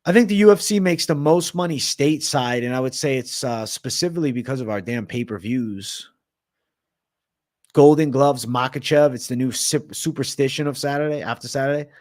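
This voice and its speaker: A man's voice: mid-range voice, normal speed, darkish tone, no room sound, clean studio sound. A man hosting a casual livestream Q&A, reading viewer comments and talking bluntly with some swearing. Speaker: livestream host.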